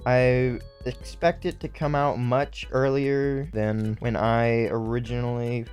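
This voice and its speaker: A man's voice: medium pitch, little pitch movement, takes it slowly, darkish tone, clean tone, soft background music. A young man with a sniffly nose, rambling and thinking aloud as he gives casual commentary for a hobby video. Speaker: video host building Lego.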